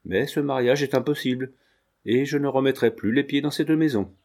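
A man's voice: medium pitch, moderate pace, a little mellow, close to an everyday voice. A man reading the lines of a young working-class woman who firmly and sadly refuses a proposal.

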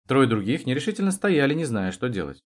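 A man narrating an audiobook in an expressive storytelling manner. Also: medium pitch, fairly quick. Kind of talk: scripted narration.

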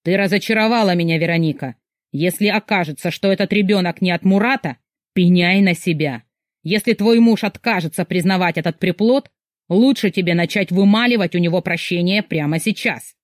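A woman's voice: lowish voice, fairly quick, no room sound, studio quality, natural voice. A woman voicing a severe, unforgiving father who threatens his daughter. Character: harsh stern father, older man, unforgiving.

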